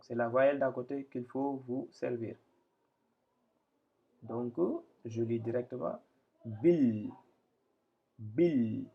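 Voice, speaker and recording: A man giving a slow step-by-step reading lesson, hesitating, repeating phrases and spelling out syllables. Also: medium pitch, gravelly. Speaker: Quran reading teacher. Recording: dull lo-fi sound.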